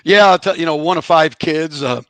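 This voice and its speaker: Middle-aged male interview guest, gravelly, chatty storyteller, dry recording. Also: a little high, fairly quick, a bit bright, no room sound. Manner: chatty, rambling anecdotes with chuckles. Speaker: guest, author and former college outfielder. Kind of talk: relaxed storytelling in a podcast interview.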